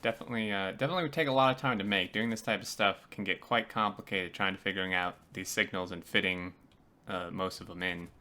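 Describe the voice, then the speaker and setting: A man with a low but bright and forceful voice hosts a laid-back game design review. He chats loosely, often pausing on filler sounds as he walks through each build. His pitch sits on the low side. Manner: relaxed, many uh fillers. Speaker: host. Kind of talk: casual gameplay review chat.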